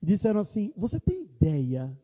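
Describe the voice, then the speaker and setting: Impassioned pastor in echoing church. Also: male voice, high voice, huge pitch swings, normal speed, warm tone. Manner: impassioned preaching, quoting prayers aloud. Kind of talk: sermon. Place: church hall. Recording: church hall reverb.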